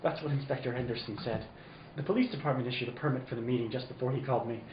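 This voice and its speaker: A woman's voice: rumbling low, racing, voice pushed down. A woman playing Clark Kent, an earnest, insistent male reporter, urgently explaining in old-time radio serial style. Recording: roomy, muffled, noisy background.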